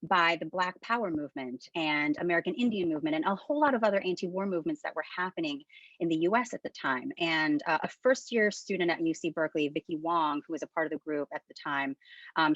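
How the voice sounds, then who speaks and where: A woman's voice: lowish voice, lively intonation, brisk, fairly bright tone, no room sound. Woman in her thirties on a muffled call. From Philippines. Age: 30s. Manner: candid and conversational. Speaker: webinar speaker. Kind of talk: informal webinar presentation. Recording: dull lo-fi dry call audio.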